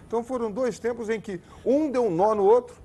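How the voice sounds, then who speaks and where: A man's voice: very high-pitched, fairly quick, dark tone. A man with a Brazilian accent debating football as a TV panel commentator, emphatic and repeating phrases for stress.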